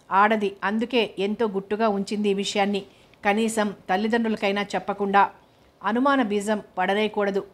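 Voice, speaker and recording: A woman narrates a novel in a steady, measured reading. Her pitch sits in the middle range, and her melody barely moves, so the narration comes across as level and even throughout. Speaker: audiobook narrator.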